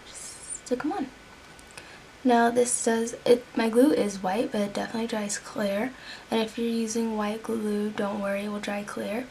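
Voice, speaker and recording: A woman's voice: on the high side, level tone, normal speed, mellow, a little hiss or hum. A young woman talking casually through a makeup tutorial at home, chatting while she works and sometimes dropping to a whisper. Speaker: beauty vlogger.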